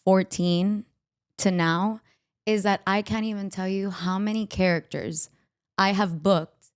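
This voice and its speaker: A woman's voice: medium pitch, steady tone, unhurried, clean tone. A woman with a Miami accent hosting a podcast, chatting casually in a slangy, gushing way. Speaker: podcast host, actor. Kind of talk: casual chat.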